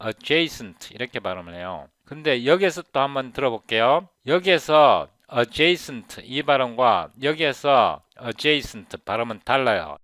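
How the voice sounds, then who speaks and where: Man in his fifties demonstrating pronunciation slowly. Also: medium pitch, animated, fairly bright tone, no room sound. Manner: explanatory, repeats words slowly to demonstrate. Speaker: software developer teaching English pronunciation. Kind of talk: casual screen-recorded tutorial.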